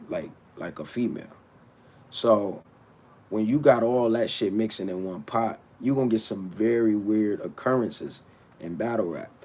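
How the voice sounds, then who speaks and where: This man is a battle rapper on a livestream, casually ranting in a blunt, animated way and restarting his words as he replies to chat. His voice is lowish and a little mellow.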